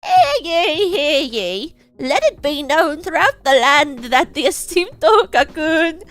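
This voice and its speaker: A pompous court judge from some old-timey storybook proclaims to the assembly in grand, archaic phrases, as a woman puts him on. The voice is pushed up high and carries loudly. Every word is drawn out slowly and stately. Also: sing-song, exaggerated voice. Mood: grandly formal.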